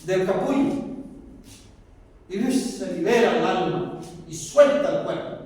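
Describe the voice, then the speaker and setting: A man's voice: high voice, expressive, unhurried, darkish tone. A man, preaching a sermon emphatically and asking the listeners rhetorical questions. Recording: very echoey hall, speaker far from mic.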